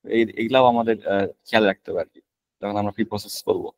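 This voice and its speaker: A man's voice: fairly low pitch, fairly even intonation, very fast, gravelly, a little mellow, no echo, rough recording. A young man giving an online lecture from slides, explaining terms in a conversational way, with many fillers and self-corrections.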